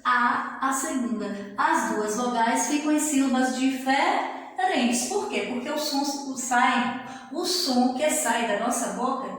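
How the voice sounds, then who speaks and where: A middle-aged-sounding woman with a fairly high voice gives a grammar lesson, drawing out every syllable slowly and repeatedly checking in with her students through little tag questions. The room is very echoey, leaving a long reverb tail.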